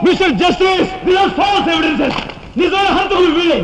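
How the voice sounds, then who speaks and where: An enraged, shouting defendant. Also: male voice, very high voice, unhurried, poor audio. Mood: furious. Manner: shouting, switching between English and Telugu. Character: enraged young male defendant, defiant and violent. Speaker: accused man in court. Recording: film soundtrack with loud music and crowd.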